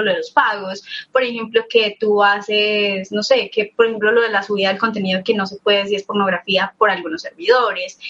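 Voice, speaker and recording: A woman's voice: on the high side, fairly bright tone, lo-fi sound. A young Colombian woman, an interview guest, talking frankly and casually, laughing often and filling her speech with fillers. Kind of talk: candid casual storytelling.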